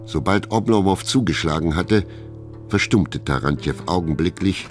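Deep-voiced male narrator, music behind. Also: lively intonation, moderate pace. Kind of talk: scripted literary narration.

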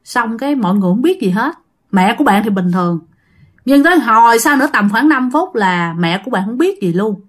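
A woman's voice: a little high, expressive, a little fast. A woman telling a ghost story casually, emotional and talking straight to her listeners. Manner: emotional, addresses listeners directly.

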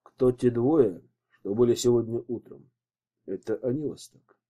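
A calm, confident detective speaks with unhurried dry irony, as a narrator voices him. The tone is mellow and dark, a little husky. It is a storybook reading. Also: male voice, mid-range voice, dull audio, lightly acted. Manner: calm, dryly ironic.

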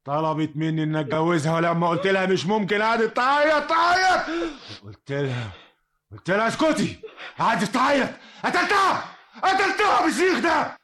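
An actor with an Egyptian accent playing an unhinged young man raving about a killing, stammering and swinging between murmurs and shouts in vintage radio drama style. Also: high-pitched, sing-song, fairly quick. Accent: Egyptian Arabic.

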